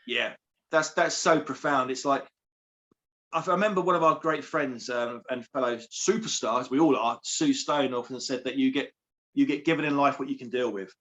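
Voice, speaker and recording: A man's voice: mid-range voice, normal speed, fairly bright tone. A man, a coach speaking earnestly as an interview guest, repeating phrases for emphasis. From England. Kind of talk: heartfelt interview.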